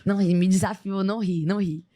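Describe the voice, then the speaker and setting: Speaking fast at a medium pitch, a young Brazilian woman who competes as an athlete recounts her experience on a podcast. The interview is casual, and her retelling is lively, full of impersonated quotes from other people.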